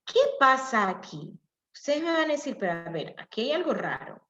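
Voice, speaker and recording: A woman's voice: fairly high pitch, very animated, moderate pace, sharp tone. A woman teaching a French class over a video call in Spanish, patiently repeating and spelling out verb forms. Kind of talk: online language class. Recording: echoey room, dull lo-fi sound, faint noise.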